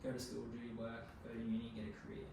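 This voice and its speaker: A man's voice: medium pitch, completely flat delivery, very fast, vocal fry. Echoey, distant young Australian man. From Queensland, Australia. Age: 20s. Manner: laid-back, slangy, sweary. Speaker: podcast guest. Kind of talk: casual conversational interview. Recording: very echoey, distant mic, noisy room.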